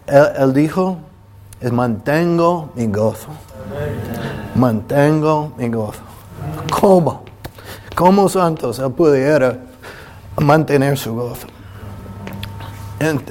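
Slow, halting preacher, a man. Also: on the high side, a little hiss or hum. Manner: halting, with many restarts and filler sounds; pauses when moved, apologizing to listeners. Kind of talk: emotional sermon to a congregation.

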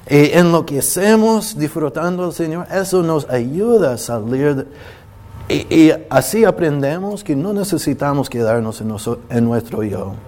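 Guy preaching real slow, kinda high voice, keeps stumbling and restarting, gets choked up. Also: a little mellow. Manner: halting, with many restarts and filler sounds; pauses when moved, apologizing to listeners. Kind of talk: emotional sermon to a congregation.

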